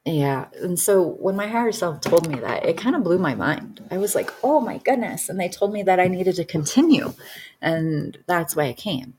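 A woman's voice: on the low side, animated, moderate pace, darkish tone, slight background noise. A woman in her thirties, a healing practitioner, telling a personal story in a casual, rambling way with many fillers and restarts. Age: 30s.

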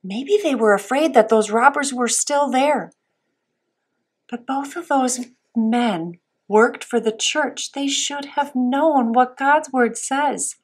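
A Sunday school teacher gives young children a Bible lesson, sweet and patient, pausing after simple questions. Her voice sits high and sounds slightly rough.

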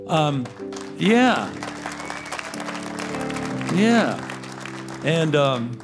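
A man hosting a live show, speaking from the stage in a conversational podium speech to introduce a guest, phrasing things haltingly. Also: fairly high pitch, sing-song, music in the background, crowd noise. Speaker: host of a live music and community radio show.

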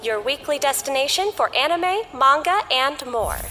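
Intercom announcer: woman, high and bright, formal boarding-call delivery, scripted show intro. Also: animated, moderate pace, a little hiss or hum.

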